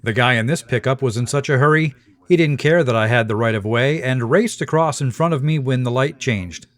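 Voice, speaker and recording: A man's voice: mid-range voice, a little fast. A man reading scripted voice-over narration as the host of a dash cam series.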